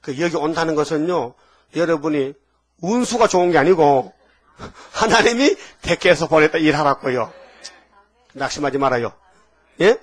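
Male preacher, somewhat high voice, emphatic sermon delivery, leads the congregation in call-and-repeat lines. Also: animated, moderate pace, pauses often. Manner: emphatic, asks the congregation to repeat after him; rhetorical questions, sudden swings from loud to low. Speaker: pastor.

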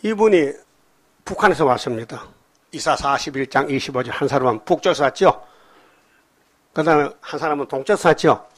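A man delivers a sermon as a pastor, retelling the story with lively, animated energy. He keeps prodding his listeners with quick questions as he goes, and his voice sits somewhat high for a man.

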